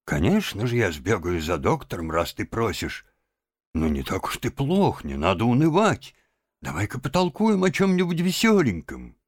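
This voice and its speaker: A man voicing a kind, sensible male water rat in an audiobook, speaking quickly and earnestly. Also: lowish voice, wildly swooping pitch, no room sound, studio quality. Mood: coaxing. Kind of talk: audiobook character voice.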